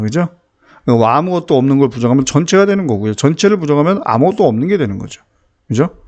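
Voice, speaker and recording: A man's voice: fairly high pitch, darkish tone. A man teaching a math lesson, explaining step by step and often checking that his students follow. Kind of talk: classroom math lecture.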